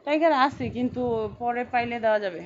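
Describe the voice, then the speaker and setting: A woman's voice: on the high side, expressive, quick pace. A woman, selling clothes on a live stream, chatting and reading out buyer names. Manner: chatty, repeats sizes, reads out buyer names. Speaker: online clothing seller. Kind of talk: live-stream sales chat. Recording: dull lo-fi live stream with faint noise.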